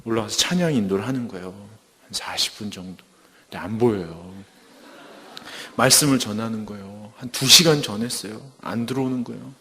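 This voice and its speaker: A man's voice: lowish voice, fairly quick. Man telling a story in a church hall. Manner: lively storytelling, acting out quoted shouts. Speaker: church youth minister giving testimony. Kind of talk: storytelling sermon. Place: church service.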